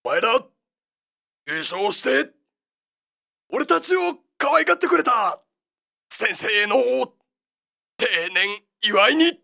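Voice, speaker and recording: A woman's voice: a little high, sing-song, slow pace, gravelly, long pauses, sharp tone, full character voice. A woman voicing an intense young male team captain who gives a solemn rallying speech to his teammates.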